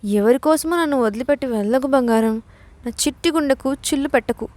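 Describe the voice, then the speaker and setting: A woman's voice: high-pitched, brisk, a little mellow, no room sound, natural voice. A woman putting on a slurring, sappy drunk man. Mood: drunkenly sappy. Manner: slurred, whiny, mock-affectionate.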